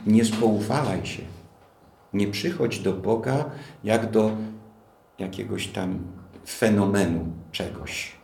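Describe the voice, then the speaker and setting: A man preaching a teaching sermon on the Bible, slow and deliberate, often asking his listeners questions. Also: on the low side, creaky, a little mellow, echoey room, slight background noise. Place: church hall.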